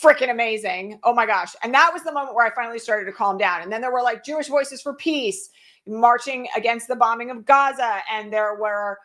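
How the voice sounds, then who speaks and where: A middle-aged woman hosting an online broadcast, telling a story in a casual, animated way with lots of fillers. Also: a little high, fairly quick. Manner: animated, heavy use of fillers like "like" and "um"; voice rises sharply when quoting shouted words. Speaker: host.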